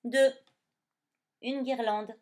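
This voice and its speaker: A woman teaching a dictation lesson to young children, sounding out words syllable by syllable. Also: a little hiss or hum. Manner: slow, syllable-by-syllable spelling with lively pitch. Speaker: primary school teacher.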